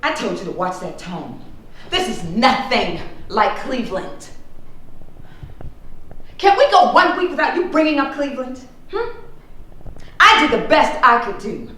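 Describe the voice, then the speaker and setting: A woman playing a domineering church mother, echoing loudly. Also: fairly high pitch, sing-song, unhurried, pauses often, recorded from a distance, heavily acted. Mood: scolding. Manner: scolding, domineering, shouting. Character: controlling overbearing church first-lady mother. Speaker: pastor's wife and mother. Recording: very echoey room, faint hiss.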